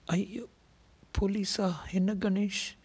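A man's voice: steady tone, moderate pace, gravelly, darkish tone, husky, exaggerated voice. A man reading a story aloud, voicing a frightened young woman who pleads tearfully. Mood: pleading. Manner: high pleading voice.

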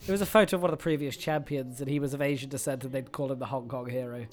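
A man's voice: mid-range voice, steady tone, racing. A man co-hosting a podcast, chatting and laughing while watching a show. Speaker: podcast co-host.

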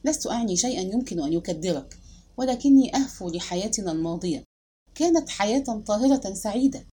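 A woman voicing a gentle, hesitant young wife who speaks softly and quietly. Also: a little high, animated, quick pace, slightly rough. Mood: tender. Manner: soft, hushed delivery.

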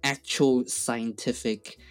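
A young man chatting as a podcast co-host, stopping and restarting often with plenty of fillers while arguing his opinions. His pitch sits in an ordinary middle range. Faint music plays under the talk. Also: fairly even intonation, clear, resonant tone. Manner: filler-heavy, halting, opinionated. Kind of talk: casual chat.

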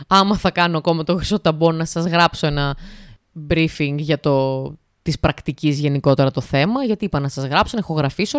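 A woman's voice: low-pitched, dry recording, studio quality. A young woman hosting a casual solo podcast, chatty and speaking to her listeners directly with lots of filler phrases. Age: young adult. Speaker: podcast host.

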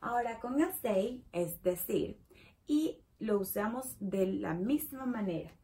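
A woman's voice: a little high, lively intonation, dark tone. A woman teaching a basic English lesson in Spanish, patiently repeating each example and checking in with the viewer. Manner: says the English model sentences extra slowly.

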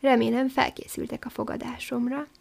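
A woman's voice: on the high side, flat delivery, vocal fry. Woman voicing a fussy little male swallow. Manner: chatty and blunt. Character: young male swallow, restless, proud, fussy.

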